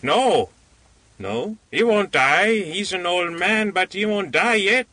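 A man voicing a gloomy backwoods host who speaks slowly and somberly, in a raised, drawling voice. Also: high voice, expressive, bright, forceful tone, dry recording, pitched above the performer's own voice, heavily acted. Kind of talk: storybook reading.

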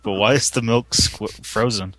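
Young male podcast co-host, relaxed and rambling, low bright voice. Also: moderate pace. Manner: laid-back, profane, rambling. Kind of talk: casual chat.

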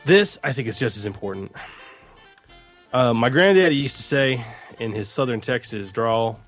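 A man co-hosting a casual tabletop gaming chat, telling stories in an animated way with lots of fillers and chuckles. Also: mid-range voice, normal speed, soft background music. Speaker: podcast co-host.

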